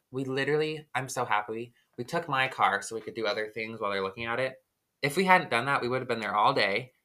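Male podcast co-host, casual storyteller, bright tone, filler-heavy delivery. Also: medium pitch. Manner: rambling, lots of "like" fillers.

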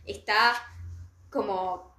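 A woman's voice: medium pitch, fairly even intonation, extremely slow, bright, forceful tone. A young woman with a Rioplatense Spanish accent, hosting a podcast as casual chat, gushing and exclamatory, laughing often. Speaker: podcast host. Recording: echoey room, faint noise.

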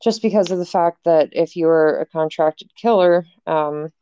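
A woman's voice: fairly low pitch, unhurried, dark tone, smooth, no echo, muffled recording. A young woman hosting a casual podcast, frank and jokey, swearing freely as she talks. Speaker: podcast host.

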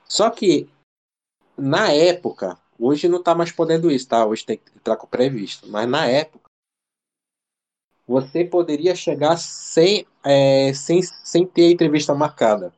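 A man's voice: a little high, animated, measured pace, darkish tone, low-quality recording. A man from Brazil in casual interview chat, telling a story in a slangy, rambling way full of fillers and restarts. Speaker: interview guest. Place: living abroad in Ireland.

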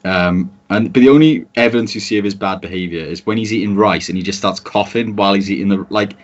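A man retells a film scene playfully in casual conversation. His voice is low. The audio is dull and lo-fi. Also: fast. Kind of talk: casual chat. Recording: dull lo-fi recording.

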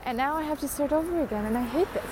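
A young adult woman hosts a podcast solo, rambling through a casual rant, poking fun at herself and laughing often. She talks in a high-pitched, rapid-fire way over a noisy background.

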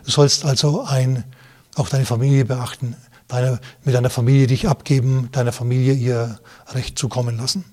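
A man's voice: medium pitch, little pitch movement, moderate pace, a little mellow. A man, a pastor, preaching a sermon. He reads Bible verses aloud, explains them, and turns to his listeners directly with rhetorical questions and asides.

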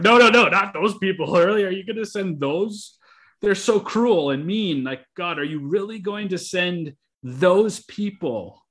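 A man teaching on scripture in a casual, conversational way, full of "you know" and "right", then reading a long psalm aloud. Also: on the low side. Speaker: Bible teacher.

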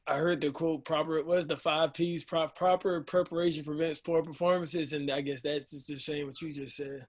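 A man's voice: on the high side, steady tone, moderate pace. A man chatting casually as he puts questions and thoughts to an interview guest.

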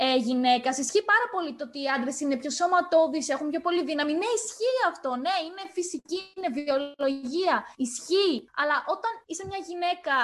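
A woman's voice: extremely high pitch, fairly bright tone. A young woman co-hosting a casual chat, blunt and heated, swearing freely. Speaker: podcast co-host.

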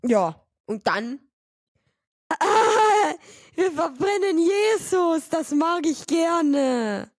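A giggly, goofy boy's empty head rings out with a hollow cave echo, as a woman puts him on. The voice sits high and drags along slowly, silly and pleased with itself. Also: big pitch swings, heavily acted. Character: goofy brother's empty echoing head, male. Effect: hollow cave echo, called out in repeats. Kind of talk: casual podcast chat.

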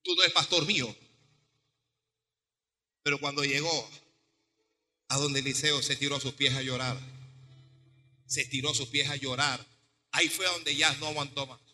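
A man pastor preaching a sermon with animated delivery, acting out dialogue. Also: medium pitch, normal speed, pauses often, in a large hall.

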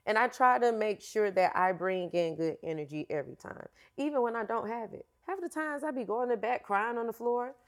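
A woman's voice: on the high side, fairly quick, hardly any pauses. A woman fitness instructor telling her story in a candid, slangy, casual interview.

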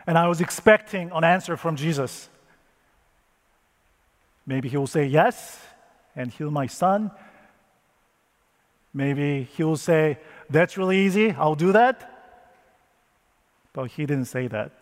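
Slow emotional storyteller in an echoing hall. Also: male voice, fairly high pitch. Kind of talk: first-person dramatic retelling of a Bible story.

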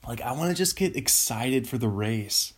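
A man's voice: mid-range voice, animated, moderate pace, husky. A man doing a rambling, casual comedy monologue, laughing at his own jokes as he goes. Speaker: comedian host.

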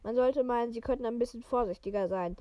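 A woman's voice: on the high side, fast talker, dry recording, highs cut off, natural voice. A woman reading a stern, irritable old witch professor. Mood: irritated. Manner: read in her own voice, stumbling over words.

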